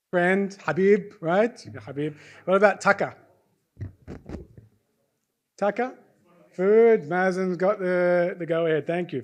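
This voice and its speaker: Hosting a student presentation session in a university lecture hall, a chatty Australian man with an Australian accent livens up the audience, checking in with "right?" and quizzing them often. His voice sits high.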